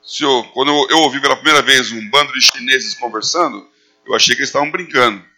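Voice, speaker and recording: A man's voice: medium pitch, fast talker, bright, forceful tone, faint music behind. A man preaching a sermon, animating his points with acted quotes. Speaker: pastor.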